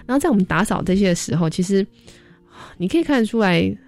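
A woman's voice: medium pitch, quick pace, vocal fry, soft background music. A young adult woman, a social worker, telling stories in a radio interview and acting out the voices of people she quotes. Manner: lively storyteller, acts out quoted voices.

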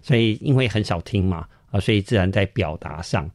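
A man's voice: deep voice, lively intonation, fairly quick, no echo, studio quality. A man, a child-development expert guest on a radio show, explaining patiently with many filler sounds. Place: radio studio.

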